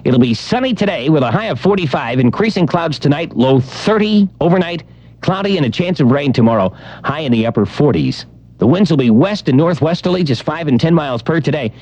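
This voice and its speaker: A man's voice: on the high side, animated, brisk, darkish tone, dry recording. A man hosting a morning radio show, joking and rattling off times, weather and scores.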